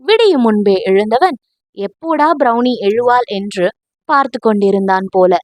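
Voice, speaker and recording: A woman reading a romance audio novel as narrator, telling the story in a steady read. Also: a little high, moderate pace, dry recording, studio quality.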